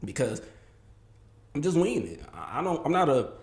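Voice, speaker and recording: In his early thirties, this man hosts a solo podcast, speaking candidly and reflectively with bursts of emphasis in a casual monologue. His slightly high voice has a sing-song lilt, a moderate pace and a darkish tone, all sounding reverberant.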